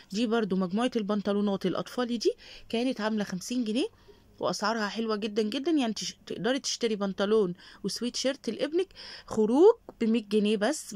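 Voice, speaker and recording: A woman's voice: a little high, no room sound. A middle-aged Egyptian woman with an Egyptian accent, greeting her followers by name and offering them blessings in a casual shopping vlog. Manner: warm greetings and prayers for viewers. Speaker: shopping vlogger.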